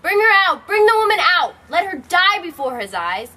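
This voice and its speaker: A woman's voice: sits high, animated, moderate pace, bright, forceful tone. A young woman playing a stern, wrathful tyrant king in an amateur stage scene, commanding and swearing oaths. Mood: raging.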